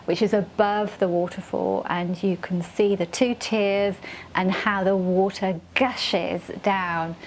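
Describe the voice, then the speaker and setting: Middle-aged woman vlogger, chatty and enthusiastic, mid-pitched voice, casual to camera. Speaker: travel vlogger. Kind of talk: casual travel talk to camera.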